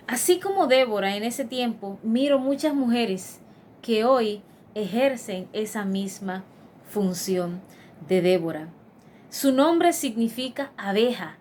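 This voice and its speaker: A woman's voice: medium pitch, slight background noise. A woman preaching a devotional sermon in an earnest, emphatic manner, with frequent fillers and restarts.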